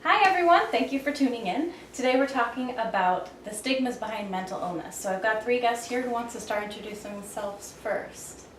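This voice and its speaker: A woman hosting a podcast, speaking in a steady, even manner as she introduces the show and her guests. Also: a little high, a little fast, hardly any pauses, a little hiss or hum. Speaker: podcast host.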